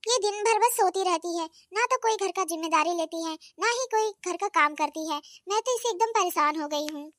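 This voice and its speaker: A woman voicing a weary, scolding old village mother-in-law who calls out loudly and nags. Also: very high voice, moderate pace, hardly any pauses, no echo, studio quality. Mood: grumbling. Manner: nagging, calling out loudly.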